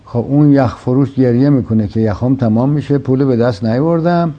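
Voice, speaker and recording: A man in a reflective religious discussion, explaining slowly and quoting scripture. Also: medium pitch. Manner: measured, explanatory, quotes Quranic verses. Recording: dull lo-fi sound.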